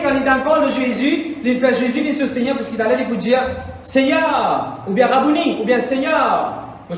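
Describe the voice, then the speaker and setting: A pastor preaches with fervour, his voice sitting high and bursting into shouts now and then. He is caught from a distance in a big, booming church hall. The reverb hangs long after each phrase. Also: a little hiss or hum. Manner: impassioned, repetitive preaching with shouted outbursts. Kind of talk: preaching a sermon. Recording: echoey hall, mic from far off.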